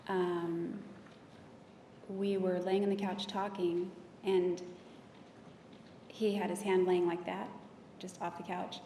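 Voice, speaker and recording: Woman witness on the stand: low, mellow, monotone, heard from a distance in a reverberant courtroom. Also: slight background noise. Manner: soft, flat and hesitant. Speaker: testifying witness. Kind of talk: courtroom testimony. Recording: distant, echoey courtroom audio with long reverb.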